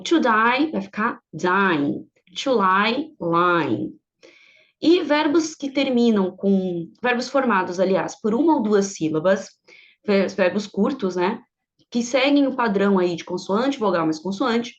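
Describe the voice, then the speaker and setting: A woman's voice: fairly high pitch, muffled recording. A woman whose first language is Portuguese, teaching English grammar in an online lesson and explaining step by step while often checking that the class follows.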